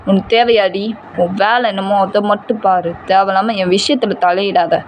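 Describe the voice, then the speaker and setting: A woman voicing a furious, short-tempered young man who shouts and scolds harshly in an amateur storytelling. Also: medium pitch, fairly even intonation, normal speed, slight background noise, natural voice. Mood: angry.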